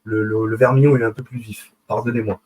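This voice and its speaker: Husky man giving a rambling lecture. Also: fairly low pitch, flat delivery, fast, darkish tone, poor audio. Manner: digressive, self-correcting, many fillers and restarts; checks in with listeners often. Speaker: online lecturer on esoteric symbolism. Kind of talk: casual live lecture.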